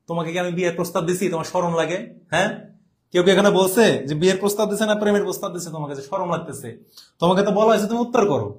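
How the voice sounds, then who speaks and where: Man tutor, high voice, teasing and chatty, live online class, roomy echo. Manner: teasing, chatty, quizzes students by name. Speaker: online admission-test tutor.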